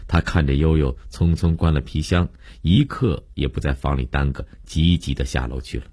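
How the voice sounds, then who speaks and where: A man narrating a story in a steady, measured audiobook style. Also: extremely low pitch, husky, no room sound, studio quality.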